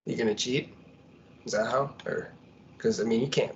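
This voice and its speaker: A man's voice: medium pitch, fairly even intonation, moderate pace, slight background noise. A man playing a tabletop game in character, chatty and joking. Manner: jokey, chatty, questioning. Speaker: player. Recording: dull lo-fi audio.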